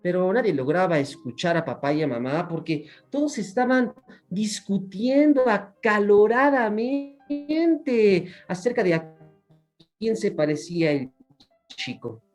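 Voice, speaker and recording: A Mexican male storyteller with a lively, swooping voice, playful and chatty with his listeners. He speaks unhurriedly. Faint music plays behind him. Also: high-pitched, unhurried. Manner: playful, expressive, talks to the audience. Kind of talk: oral storytelling for children.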